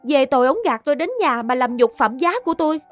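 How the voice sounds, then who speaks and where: A woman's voice: sits high, fast talker, faint music behind, natural voice. A woman playing a polite young woman who is accused of murder and answers an official deferentially. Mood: pleading. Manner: deferential, pleading.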